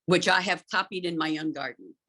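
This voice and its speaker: A woman's voice: lowish voice, fairly quick, bright, forceful tone. A middle-aged woman, an interior designer, chatting about gardens in a thoughtful, fluent way with frequent ums. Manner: thoughtful, fluent with many um fillers. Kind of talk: conversational talk about gardens.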